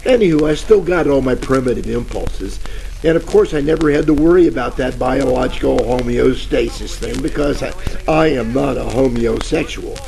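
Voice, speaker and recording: A male actor plays a bumbling, jittery private detective in a 1940s radio parody, rambling and stammering through tough-guy slang over crackly static. His voice is medium-pitched, at normal speed, darkish with vocal fry and close to everyday, and the mood is smug and chatty.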